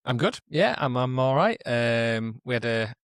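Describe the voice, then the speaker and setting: A young man co-hosting a casual sports podcast from a kitchen, relaxed and rambling with dry humour. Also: medium pitch, unhurried, smooth, no room sound. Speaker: podcast co-host.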